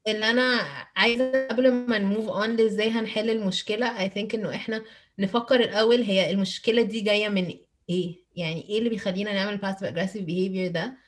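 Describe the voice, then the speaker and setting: A woman's voice: medium pitch, steady tone, fast, faint music behind. A woman with an Egyptian accent who switches between Arabic and English mid-sentence, posing questions in a casual, reflective discussion. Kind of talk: casual reflective group chat.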